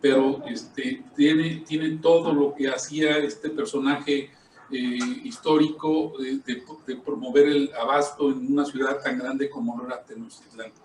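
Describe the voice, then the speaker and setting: A man's voice: mid-range voice, fairly even intonation, a little slow, darkish tone. A man with a Mexican accent making informal, hesitant announcements as a webinar host. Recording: roomy echo, distant mic, faint noise.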